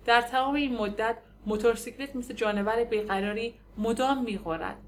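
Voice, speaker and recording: A woman narrating an audiobook in a measured, descriptive way. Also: on the high side, steady tone. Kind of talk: scripted narration.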